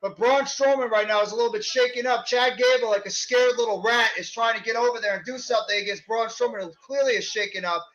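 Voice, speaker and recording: A man working as a wrestling commentator, calling live play-by-play in an excited, exclaiming manner over a stream. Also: very high voice, fast talker, few pauses. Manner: excited, exclaiming, shouting at big moves. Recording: dull lo-fi online stream audio.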